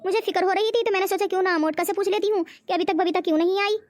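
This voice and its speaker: A woman's voice: rapid-fire, a little mellow, no room sound, clean studio sound. A woman voicing an older, fretful widowed mother-in-law in a cartoon, scolding and fussing. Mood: worried. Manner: high-pitched, scolding and fussing. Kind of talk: cartoon voice acting.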